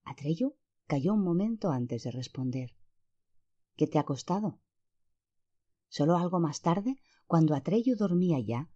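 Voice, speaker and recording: Warm expressive woman narrating a storybook. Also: lowish voice, slightly rough. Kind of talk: audiobook narration. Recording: dull lo-fi.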